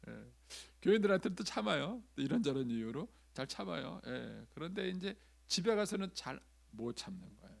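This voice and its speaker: A pastor in a church sanctuary preaches conversationally in a medium-pitched, creaky, slightly rough voice. He acts out quoted lines in changing voices and often uses the filler "ye."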